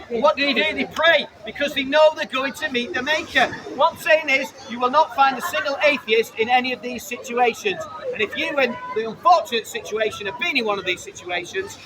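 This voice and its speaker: Fervent high-pitched British street preacher, busy street. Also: male voice. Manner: fervent, insistent, rhetorical questions and repeated phrases. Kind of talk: open-air evangelistic preaching to passers-by, with riddles and questions. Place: outdoors on a busy urban street. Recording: noisy busy street with crowd and traffic.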